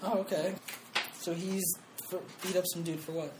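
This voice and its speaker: A young man hosting a casual podcast chat, loud, teasing and profane. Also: sits high, steady tone, moderate pace, noisy background. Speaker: podcast host.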